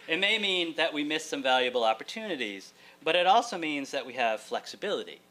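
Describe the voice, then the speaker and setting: This keynote speaker, a middle-aged college writing instructor, reads a prepared address from a lecture hall podium, his delivery wry and articulate and sprinkled with jokes. His voice sits a little high and swings widely in pitch, brisk and slightly bright. The recording comes from a far-off camera, with hum and room noise.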